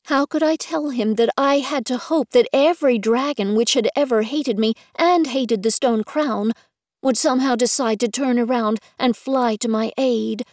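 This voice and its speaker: Female narrator for a first-person fantasy read, slightly high pitch, dry and close. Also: normal speed, darkish tone, no echo.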